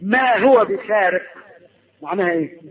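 High-voiced Egyptian man, quick-paced religious lesson. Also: expressive, phone-quality sound. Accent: Egyptian Arabic. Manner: asks the audience questions and answers them himself. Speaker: preacher teaching Arabic grammar.

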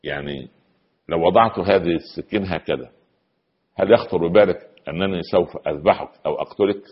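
A preacher with an Egyptian accent voicing a calm husband who reasons softly with his wife in a story. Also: deep voice, brisk, slightly rough, voice pushed down. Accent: Egyptian Arabic. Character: calm, gentle husband on a storm-tossed ship. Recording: dull sound, long hall reverb.

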